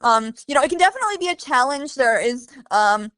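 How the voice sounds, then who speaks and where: A woman from Bosnia talks through her experience as a guide dog handler, informative and thorough, with plenty of ums along the way. Her voice sits fairly high and the sound is dry and close. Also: sing-song, fast, a bit bright, no echo. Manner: informative, detailed, frequent fillers. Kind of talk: conversational interview.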